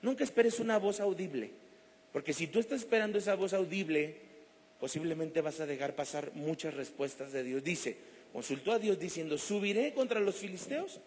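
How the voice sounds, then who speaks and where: A man's voice: fairly high pitch, moderate pace, darkish tone. A man preaching a sermon, telling stories with animation and acting out the voices of the people in them. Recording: long reverb of a church hall.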